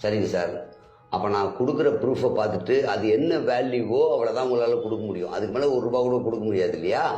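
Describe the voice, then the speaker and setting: A man's voice: lowish voice, warm tone, dull audio. A man arguing as an indignant bank customer in a comedic sketch, firing off questions. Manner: argumentative, indignant, rapid-fire questioning. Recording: echoey room with faint music.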